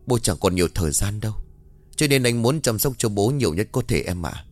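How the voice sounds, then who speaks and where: A man's voice: on the low side, expressive, brisk, darkish tone, soft background music. A man voicing a young son who pleads tearfully over his father's illness in a story. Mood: earnest.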